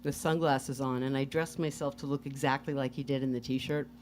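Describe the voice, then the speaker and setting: Low-voiced playful woman musician. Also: flat delivery, fairly quick, a little hiss or hum. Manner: playful, rambling, trailing off softly. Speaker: band frontwoman and guest. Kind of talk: casual interview chat. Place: music bar.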